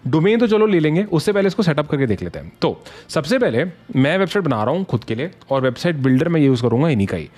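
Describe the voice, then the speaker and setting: A man's voice: a little high, big pitch swings, fast, few pauses, darkish tone. A man in a casual, conversational explainer style, mixing English phrases into his talk and checking in with listeners often. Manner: conversational, mixes English phrases, frequent "thik hai?" check-ins. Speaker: online business educator.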